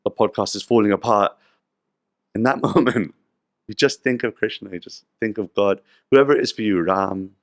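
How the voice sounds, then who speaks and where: A man with a fairly low voice, speaking as a podcast guest in an earnest, gently explanatory tone. He reflects on faith at an unhurried storytelling pace. The sound is dry and close. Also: creaky, no echo.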